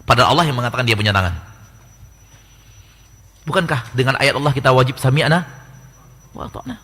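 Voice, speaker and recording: Animated male preacher in echoing hall. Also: mid-range voice, brisk, slightly rough. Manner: animated, rhetorical questions, mock dialogues. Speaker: Islamic preacher. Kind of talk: lecture sermon. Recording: long reverb hall.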